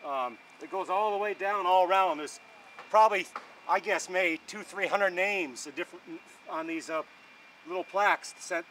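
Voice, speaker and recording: A man's voice: sits high, moderate pace, fairly bright tone, slight background noise, rough recording. Rambling man touring a playground outdoors. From northern New York, US. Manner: rambling, chatty, with many fillers. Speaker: vlogger giving a playground tour. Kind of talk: casual walking tour commentary. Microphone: camera held by a cameraman.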